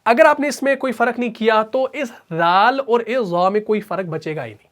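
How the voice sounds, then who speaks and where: A man teaching a tajweed lesson. He explains pronunciation briskly and drills syllables slowly and repeatedly. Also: high-pitched, a bit bright. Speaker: Quran recitation teacher. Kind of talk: tajweed lesson with recitation examples.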